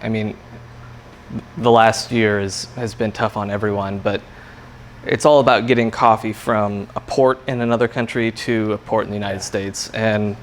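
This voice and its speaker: A man's voice: on the low side, fairly even intonation, moderate pace. A man working as a coffee roaster, explaining things in a casual interview chat with loose, hesitant phrasing. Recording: clear background room noise.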